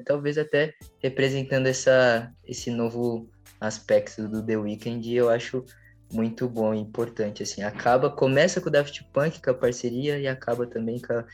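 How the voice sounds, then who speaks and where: A man's voice: mid-range voice, darkish tone. A young adult man with a Brazilian Portuguese accent, giving a casual album review as a podcast panelist, with informal, hesitant phrasing.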